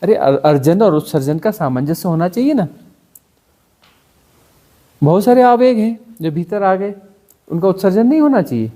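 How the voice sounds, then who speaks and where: A man. He keeps firing rhetorical questions and acts out mocking little examples, rising sharply in pitch when he gets animated. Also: moderate pace, long pauses. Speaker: spiritual teacher. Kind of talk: satsang discourse.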